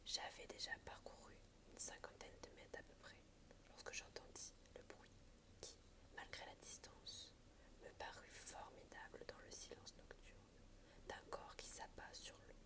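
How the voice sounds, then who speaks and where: Whispering woman reading aloud, ASMR. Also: a little slow. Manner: soft library whisper, unvoiced. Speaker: ASMR reader.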